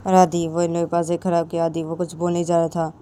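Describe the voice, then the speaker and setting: A woman tells a romance story in a plain, repetitive way, her voice sitting fairly low and sounding mellow. A faint background hiss stays under her narration. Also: monotone, quick pace.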